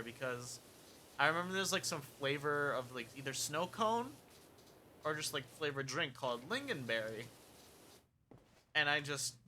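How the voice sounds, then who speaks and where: A man's voice: mid-range voice, sharp tone, slight background noise. A young man streaming a game and chatting casually, rambling frankly through his opinions.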